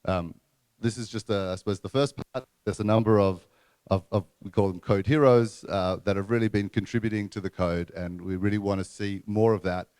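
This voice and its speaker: A man hosts a conference and introduces the next speakers. His voice is very low, and he talks loosely with many fillers. The sound is close and dry. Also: fairly even intonation, fairly quick, a little mellow, clear, resonant tone, no echo. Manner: loose, filler-heavy speech. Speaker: event host. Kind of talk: conference hosting and announcements. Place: conference room before an audience.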